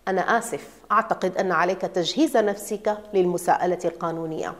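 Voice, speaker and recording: A woman's voice: fairly low pitch, fast talker, natural voice. A woman voicing a principled male doctor in a storybook reading, speaking firmly and defiantly. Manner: firm, rising to angry outbursts.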